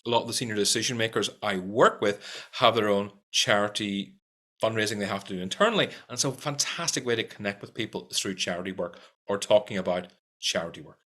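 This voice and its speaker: Fast and sharp-toned, a lowish-voiced middle-aged man with a heavy Irish accent works as a sales trainer, teaching practical tips to camera. The talk is upbeat, and he repeats the key points to stress them.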